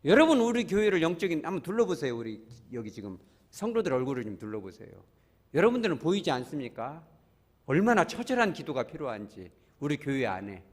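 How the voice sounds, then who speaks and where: A man preaching a Sunday sermon as pastor, acting out prayers and little scenes and calling the congregation to join in. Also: fairly high pitch. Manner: animated preaching with acted-out quotes and congregation prompts. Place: church sanctuary.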